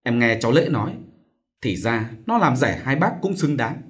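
A man's voice: mid-range voice, big pitch swings, normal speed, natural voice. A man doing a coaxing village aunt. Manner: soothing, coaxing. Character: gentle persuasive middle-aged village aunt.

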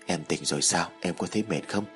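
A man voicing a gentle young husband who speaks softly and consolingly to his wife. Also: low voice, fast, faint music behind, pitched below the performer's own voice. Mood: tender. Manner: soft, consoling.

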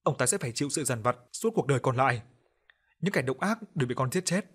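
A man voicing the ghost of a young boy, calm and forgiving, with an echoing voice, in an audio story. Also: medium pitch, fast talker, breathy edge. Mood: calm resolve.

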